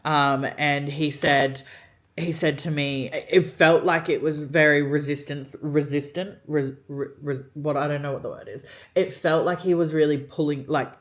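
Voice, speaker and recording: A young woman vlogger tells a story while getting ready, speaking at a moderate pace in a low, steady voice. She is chatty, swears often, and peppers her talk with "like."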